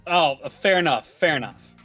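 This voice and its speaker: A man joking around as a tabletop game player on a voice call, stammering when excited. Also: on the high side, normal speed, faint music behind. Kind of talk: casual chat on a voice call.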